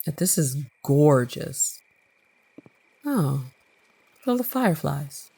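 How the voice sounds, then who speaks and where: A woman's voice: low voice, sing-song, takes it slowly, mellow, slightly rough. Chatty, slightly congested woman gaming. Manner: chatty, self-mocking, often laughing. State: slightly congested from a recent cold. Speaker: gameplay video host. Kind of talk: casual let's-play commentary, reading game text aloud.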